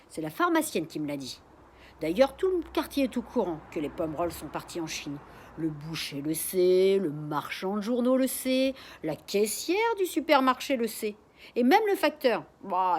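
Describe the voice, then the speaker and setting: A woman's voice: medium pitch, voice pushed up. A woman voicing a quavering, gossipy old man neighbor who talks indignantly through a wall.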